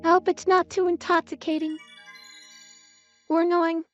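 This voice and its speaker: A woman's voice: very high voice, little pitch movement, normal speed, dull audio, soft background music. A woman playing a horror game, her voice run through a robotic auto-tune filter, commenting and reading the game's text aloud in a sing-song way.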